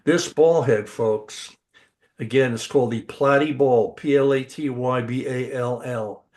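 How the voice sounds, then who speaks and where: Speaking at a measured pace with a medium pitch and a darkish tone, an older podcast co-host chats casually. His enthusiasm is eager, and he frequently starts sentences over.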